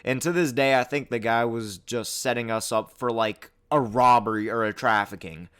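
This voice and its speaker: A man telling a travel horror story in a storytime narration, profane and animated, getting louder and higher at the scary parts. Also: moderate pace, clear, resonant tone. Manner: profane, animated storytelling that climbs loud and high at tense moments. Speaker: storytime YouTuber.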